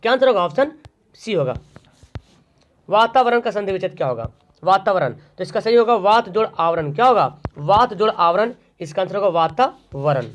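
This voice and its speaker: A man's voice: sits high, animated, moderate pace. A man teaching an online exam-prep grammar lesson, asking questions and answering them himself. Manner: drills by asking and answering his own questions. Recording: dull lo-fi recording.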